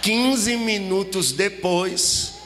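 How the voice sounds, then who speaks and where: A man preaching his personal testimony as a lively story, rising into a chanted, sing-song preaching cadence. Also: high-pitched, very slow, big-room sound, slight background noise. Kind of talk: testimony sermon, storytelling with acted dialogue.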